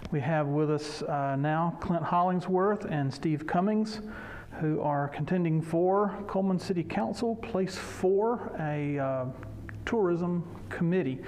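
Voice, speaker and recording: A man moderates a candidate debate through a face mask. His voice sits a little high, and some ambient noise is heard around him. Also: measured pace, darkish tone. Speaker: debate moderator, local newspaper journalist. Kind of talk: moderating a local election debate. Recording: noisy ambience, masked speech. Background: clear ambient noise.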